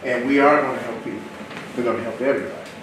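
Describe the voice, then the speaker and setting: A man giving an animated, repetitive motivational sales talk to a seminar audience. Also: medium pitch, racing. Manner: animated, repetitive, preacher-like rhythm. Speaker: seminar speaker. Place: event hall with live audience. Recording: echoey hall, far from mic, noisy room.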